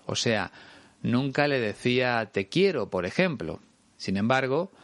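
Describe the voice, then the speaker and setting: A male teacher with a Spain Spanish accent works through a lesson, patient and clear as he talks straight to the listener. His voice sits at an ordinary middle pitch. The sound is dry and close, with no room around it. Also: fairly bright tone, no echo. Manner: patient, clear and explanatory, addressing the listener directly. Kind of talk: explanatory language lesson.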